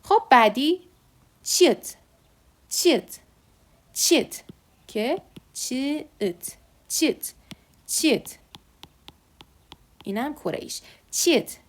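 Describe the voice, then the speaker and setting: Woman teacher going over letter sounds, kinda high voice, bouncy pitch, repeats everything slowly. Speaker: Korean language teacher. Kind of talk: online alphabet lesson.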